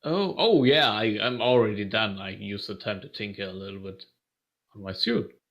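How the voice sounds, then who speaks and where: A man's voice: fairly low pitch, normal speed, creaky, a bit bright. Easygoing man on dull lo-fi audio. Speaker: player. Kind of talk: casual tabletop role-play.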